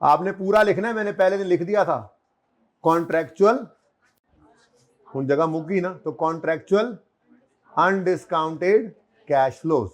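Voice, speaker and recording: A man's voice: a little high, normal speed, long pauses. A man teaching an accounting class in a classroom, chatty and joking, counting years aloud and quizzing his students. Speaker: accounting lecturer. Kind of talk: classroom lecture. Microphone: recorded lecture.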